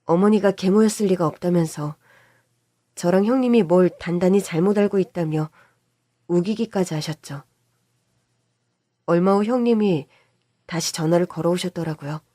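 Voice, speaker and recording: A woman telling a first-person story in a calm, composed, measured voice. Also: fairly low pitch, no room sound, studio quality. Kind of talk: scripted story narration.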